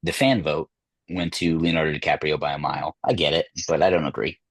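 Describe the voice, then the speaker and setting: Very deep husky man chatting. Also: fairly even intonation, brisk, no echo. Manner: rambling, hesitant, full of fillers. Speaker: podcast host. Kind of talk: casual chat about film awards.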